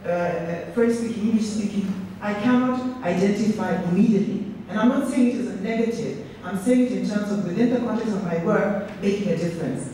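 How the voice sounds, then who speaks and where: A middle-aged Kenyan woman gives an earnest, reflective public speech, frequently restarting her words. Her mid-range voice is warm and brisk. She stands far from the mic in an echoey hall with faint noise.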